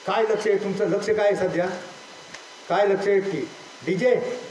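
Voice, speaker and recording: A man's voice: high voice, steady tone, moderate pace, darkish tone, slight background noise. A man in his sixties, a journalist, giving a preachy motivational talk to schoolchildren in speech, scolding and quizzing them. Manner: preachy, scolding, questions the audience. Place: school hall. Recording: echoey hall with faint ambience.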